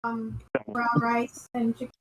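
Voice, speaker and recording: A woman's voice: fairly high pitch, completely flat delivery, measured pace. A woman chatting casually at home in the background, hungry and impatient. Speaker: player's partner in the background.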